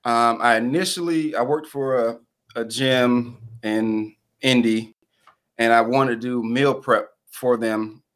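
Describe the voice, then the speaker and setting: A young man from Georgia, a restaurant founder talking as an interview guest, hesitant and full of pauses and fillers. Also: mid-range voice, fairly even intonation, fairly bright tone, clear, resonant tone. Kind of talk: casual interview chat.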